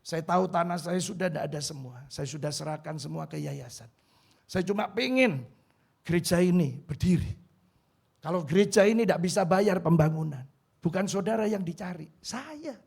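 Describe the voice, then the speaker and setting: A pastor in his fifties preaching a sermon in a church hall, emotional and pleading, swinging from quiet to loud. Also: high-pitched, animated, moderate pace, creaky, husky.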